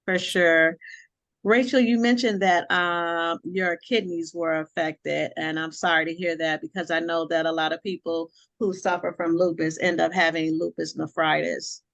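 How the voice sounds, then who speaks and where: A woman's voice: fairly low pitch, steady tone, moderate pace, vocal fry, a bit bright, no echo, lo-fi sound. A woman hosting a casual webinar interview, supportive and chatty with many fillers and restarts, on a video call. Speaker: webinar host, sorority member.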